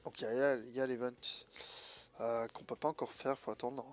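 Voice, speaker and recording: Sick with a blocked nose, a male gaming host talks through gameplay in a casual, colloquial way, pausing hesitantly as he thinks aloud. His stuffed-up, nasal voice sits at medium pitch, delivered flatly at a moderate pace.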